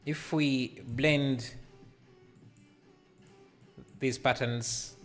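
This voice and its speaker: Soft music plays under this thirtysomething 3D artist's livestream, his medium-pitched voice staying fairly even and very slow. Through a headset microphone he thinks out loud with many fillers, reading chat aloud and replying as he works in a laid-back tutorial.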